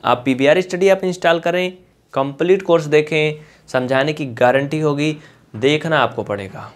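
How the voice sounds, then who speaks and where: Chatty, coaxing male maths teacher. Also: fairly high pitch. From India. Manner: chatty, coaxing, repeats points slowly; mixes English textbook terms into explanations. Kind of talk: online video lesson.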